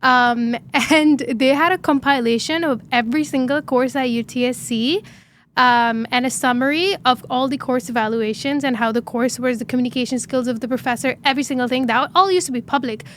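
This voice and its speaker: A woman in her twenties from Dubai, a startup founder telling her story in an interview, earnest and animated with frequent fillers. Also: high-pitched, a little fast, slight background noise. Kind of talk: interview conversation.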